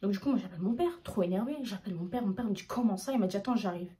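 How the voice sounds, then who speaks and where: A woman's voice: mid-range voice, a little hiss or hum. A young woman from France telling a storytime on her vlog, casual and slangy, acting out what people said to her. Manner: fast, slangy, animated retelling. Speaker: YouTuber.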